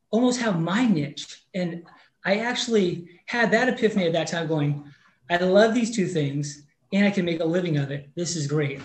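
A man in his fifties, a mortgage loan officer, telling a story earnestly as a guest in an interview. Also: a little high. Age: 50s. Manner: earnest, animated anecdote telling. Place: Rhode Island. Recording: roomy echoey room.

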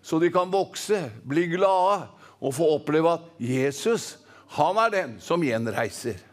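A man's voice: a little high, expressive. A man from Norway preaching a fervent Pentecostal sermon, rhythmic and calling for responses from the congregation.

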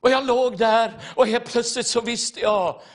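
A man's voice: very high-pitched, fairly even intonation. A man preaching a testimony sermon, earnest and repetitive, speaking straight to his listeners.

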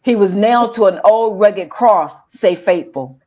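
Female preacher, measured declarative delivery, muffled lo-fi sound. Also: mid-range voice, animated, dark tone. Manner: slow declarative call and response. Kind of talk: sermon.

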